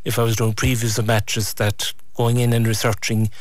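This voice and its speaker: A man's voice: medium pitch, level tone, moderate pace, no room sound. A man with an Irish accent reminiscing conversationally as an interview guest.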